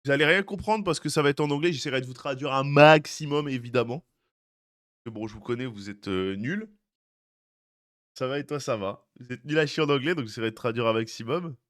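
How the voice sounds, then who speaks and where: A man's voice: mid-range voice, a little fast, fairly bright tone. A young man streaming live, chatting casually with his viewers, greeting them by name and teasing them. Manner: chatty, greets chat by name, jokey asides.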